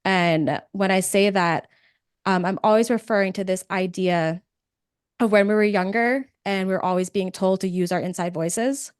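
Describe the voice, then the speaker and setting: A woman presenting a live webinar on podcasting, speaking in a conversational, energetic way with frequent fillers. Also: mid-range voice, normal speed, clear, resonant tone, no room sound, clean studio sound.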